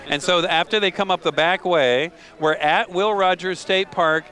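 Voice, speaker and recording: Man, live TV host outdoors, higher-pitched voice, chatty, jokey, question-asking. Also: normal speed, sharp tone. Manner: chatty, joking, asks leading questions. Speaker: broadcast host. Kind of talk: live broadcast chat. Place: outdoors at a race event.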